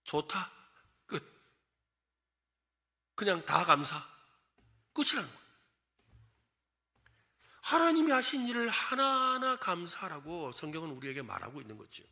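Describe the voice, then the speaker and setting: A man preaching a sermon as senior pastor, lively and animated, asking the congregation questions and acting out complaining voices. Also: medium pitch, vocal fry.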